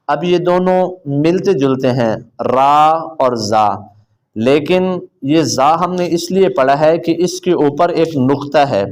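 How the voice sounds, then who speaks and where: A man teaching beginners the Arabic letters, drawing out each letter name in a slow chant between quick explanations. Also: on the high side. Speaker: Quran teacher.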